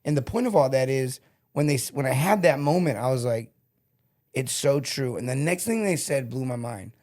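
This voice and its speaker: Middle-aged male sales coach, lively storyteller, mid-range voice. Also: medium pitch, a little fast. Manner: animated storyteller, acts out quotes. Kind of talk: casual podcast interview.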